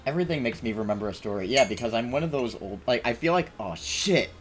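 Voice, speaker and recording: A man's voice: mid-range voice, lively intonation, very fast, soft background music. A man streaming a video game, rambling and swearing as he talks to himself and his viewers. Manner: rambling, profane, self-talking. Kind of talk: casual gameplay commentary.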